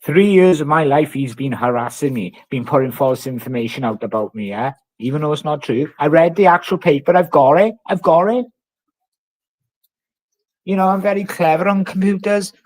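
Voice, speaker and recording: Combative Welsh Valleys man, higher-pitched voice. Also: normal speed, no room sound, rough recording. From South Wales Valleys. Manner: combative, sweary, boastful. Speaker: live streamer. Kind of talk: ranting casual livestream talk.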